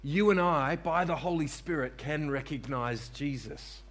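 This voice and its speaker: A pastor preaches a sermon to his church congregation in a slightly high, somewhat bright voice, taking his time. He repeats key phrases for emphasis and calls on listeners to respond.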